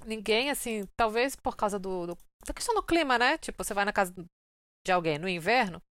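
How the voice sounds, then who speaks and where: A woman from Brazil chatting casually and telling lively stories, acting out what people said. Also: medium pitch, a little fast, no room sound. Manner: lively storyteller, acts out quoted lines. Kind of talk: casual chat.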